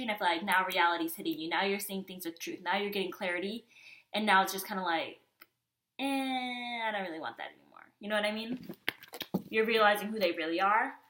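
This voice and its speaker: Young woman tarot reader, chatty, casual, bright voice. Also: medium pitch, steady tone, quick pace. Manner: chatty, conversational, frequent "you know what I mean".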